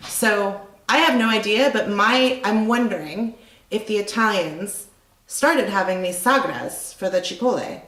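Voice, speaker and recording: A woman's voice: mid-range voice, measured pace, fairly bright tone, reverberant, poor audio. A middle-aged woman who owns a restaurant, talking casually in an interview, rambling and chatty with lots of fillers. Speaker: restaurant owner.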